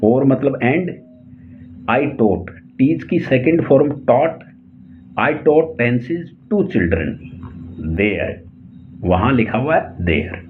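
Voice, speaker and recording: A man with an Indian accent teaches English tenses, stretching out each example sentence word by word at a very slow pace. His voice comes through a thin, phone-like channel. A faint hiss runs under the recording. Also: medium pitch, sing-song. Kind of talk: explaining English tenses in Hindi.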